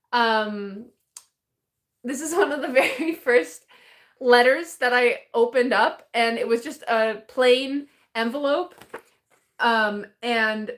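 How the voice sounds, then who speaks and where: A woman's voice: a little high, fairly bright tone. A woman chatting casually on a live stream as she opens fan mail, rambling and hesitant with many restarts and small laughs.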